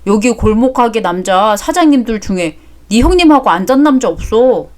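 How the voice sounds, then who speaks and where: A woman's voice: on the high side, lively intonation, normal speed, darkish tone, natural voice. Crude, bragging shopkeeper man in a radio drama, middle-aged, voiced by a woman. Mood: gossiping. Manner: crude, boastful storytelling. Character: boastful middle-aged male fruit seller, crude gossip.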